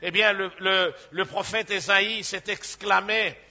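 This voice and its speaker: A man's voice: high-pitched, steady tone, measured pace, bright, forceful tone, dull audio. A man preaching a sermon in an emphatic way, breaking off with calls of hallelujah.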